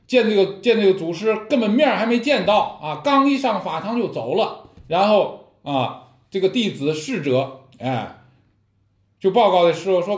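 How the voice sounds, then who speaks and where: A man teaching about Zen koans in a dharma talk, telling stories and asking rhetorical questions. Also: on the high side. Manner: lively storytelling with rhetorical questions. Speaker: Buddhist teacher. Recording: echoey room.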